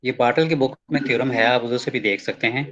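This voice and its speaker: In a recorded lecture, a man works through a math proof, slowly reading lines from the textbook before explaining them in casual Hindi sprinkled with English terms, frequently checking in with "ठीक है". His voice sits at a medium pitch with a fairly bright tone, and the sound is lo-fi.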